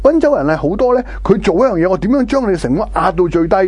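Fast-talking husky Hong Kong Cantonese man. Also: high voice, no room sound. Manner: animated anecdotal explaining, repeats phrases, mixes in English words. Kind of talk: casual talk show discussion.

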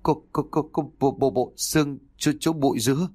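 A man's voice: fairly high pitch, moderate pace, darkish tone, breathy edge, voice pushed up. A man voicing a panicked middle-aged village uncle who stammers with fright in a storybook tale. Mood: terrified.

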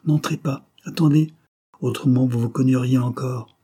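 A man's voice: mid-range voice, fairly even intonation, moderate pace, mellow, breathy edge, pitched above the performer's own voice, natural voice. A man voicing a brusque, impatient young male painter who gives curt orders, in a classic French audiobook. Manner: curt, commanding.

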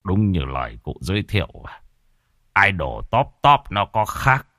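An old villager, voiced by a male narrator, speaking low and quietly with grudging approval. Close, dry sound. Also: very animated, measured pace, no room sound, exaggerated voice. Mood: impressed. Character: impressed old village men.

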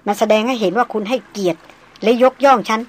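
A woman reading the part of a refined, self-assured young woman doctor, speaking slowly and deliberately. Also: fairly high pitch, close to an everyday voice. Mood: musing. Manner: slow, measured, deliberate. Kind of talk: audiobook character reading.

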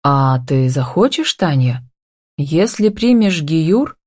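A confident, wealthy businessman talks in a lazy, playful drawl, teasing and giving orders, as a woman reading an audiobook voices him. Her voice sits low, and the recording is dry and close with no room sound. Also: big pitch swings, slow, darkish tone, husky, no echo, heavily acted.

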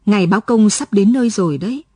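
A woman voicing an earnest male village schoolteacher who asks brisk questions. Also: medium pitch, warm tone, no echo, clean studio sound, close to an everyday voice.

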